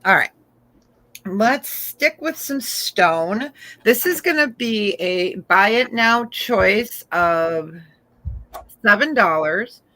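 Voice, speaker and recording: Slow-talking bright-voiced woman auction host. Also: medium pitch, expressive, rough recording. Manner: chatty, describes items slowly, laughs often. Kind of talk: casual live sales chat.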